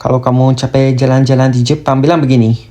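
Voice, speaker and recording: A voice announcing each topic with short, flat prompt-style lines. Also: medium pitch, fast.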